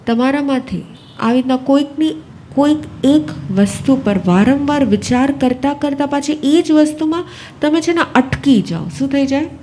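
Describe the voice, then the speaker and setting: A woman with a Gujarati accent gives a spiritual discourse in a mellow, somewhat high voice. She repeats key phrases and keeps asking her audience questions. A faint hiss runs under the recording. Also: moderate pace. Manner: repetitive, asks the audience questions. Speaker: Jain nun giving a discourse.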